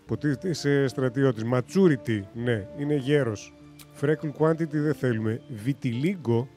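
A man's voice: mid-range voice, warm tone, faint music behind. A man streaming a game, chatting casually as he thinks aloud, running through options and cracking jokes. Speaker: gaming streamer. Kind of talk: casual let's-play commentary.

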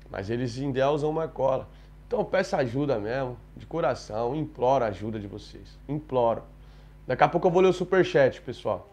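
A man with a Brazilian accent ranting indignantly to viewers on a live stream, repeating himself and building to loud outbursts. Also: fairly high pitch. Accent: Brazilian Portuguese. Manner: indignant, repetitive, rising to shouting.

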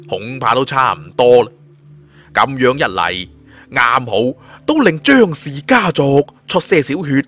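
This male audiobook narrator, speaking with a Hong Kong Cantonese accent, delivers a suspense fantasy novel as dramatic scripted storytelling. His mid-range voice carries a fairly bright tone.

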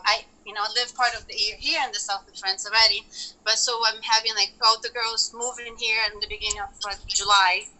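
A woman from Brazil speaks on a video call through a laptop mic, her voice very bright and a touch high. She talks in a loose, halting way, with many fillers and restarts. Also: poor audio. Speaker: company founder presenting to members.

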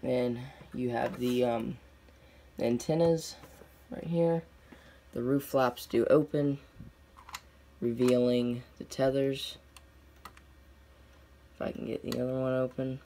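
Mellow-voiced young man, casual unboxing video. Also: mid-range voice, fairly even intonation, takes it slowly, pauses often. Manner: plain, unscripted, short clipped phrases. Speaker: diecast collector reviewing on camera. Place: indoors at a tabletop display. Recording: noisy home recording with clicks.

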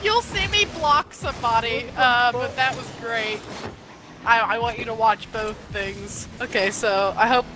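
A woman's voice: on the high side, background noise. A woman chatting casually while gaming with friends, sounding tired and giggling often. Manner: tired, giggly, drawn-out speech. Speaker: gamer.

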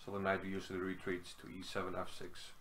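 Middle-aged man from Iceland, low voice, relaxed home-desk chess commentary with many fillers. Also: a little fast, slight background noise. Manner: relaxed, thinking aloud with frequent fillers. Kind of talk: casual chess game analysis. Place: small room at home.

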